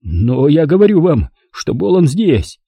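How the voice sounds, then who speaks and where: A man voicing a hysterical middle-aged casino boss in an audiobook, shrill and frantic, raising his voice high. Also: sing-song, unhurried, mellow, breathy edge, no echo, exaggerated voice. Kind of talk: audiobook character voice.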